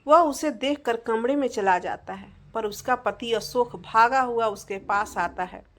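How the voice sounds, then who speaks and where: A woman storyteller narrating a scripted family drama in a steady, expressive way. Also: a little high, a little slow.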